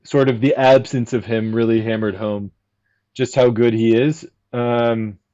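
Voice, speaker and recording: A man chatting as a fan guest on a casual podcast, explaining his points at length in a measured, analytical way. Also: mid-range voice, steady tone, mellow, lo-fi sound.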